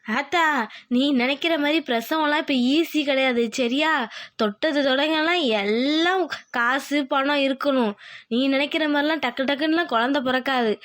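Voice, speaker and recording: A woman's voice: high voice, moderate pace, fairly bright tone, no echo, studio quality. A woman voicing a tired, pregnant young village wife in a cartoon, complaining but polite. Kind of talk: cartoon voice acting.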